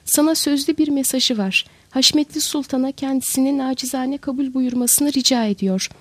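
A stern male commander of the palace guard gives formal reports and firm orders, read by a woman narrator. Her voice sits high and the recording is dry and close. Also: normal speed, dry recording. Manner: formal, then crisp commands.

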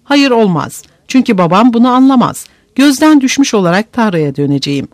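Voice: mid-range voice, very animated, a little fast, no room sound, clean studio sound, voice pushed up, lightly acted. A narrator voicing a spoiled, proud young woman who is frightened and pleading, in an audiobook reading. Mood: anxious.

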